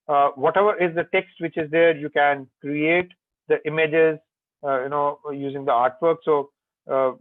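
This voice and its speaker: A man delivers a webinar lecture in a slightly high voice. He explains things step by step, pausing often on "uh" and "you know". The call audio is dry and tinny, like a phone line. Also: no room sound. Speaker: guest speaker on technology. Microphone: video call.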